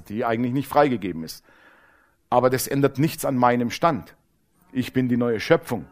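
Guy preaching a sermon, kinda high voice, drags out key words then rushes, gets loud then goes quiet. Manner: dramatic storytelling, swings between loud emphasis and low hushed asides.

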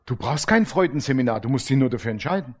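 Speaking fast in a husky, medium-pitched voice, a middle-aged man preaches a casual, colloquial sermon filled with anecdotes, animatedly imitating the people in his stories.

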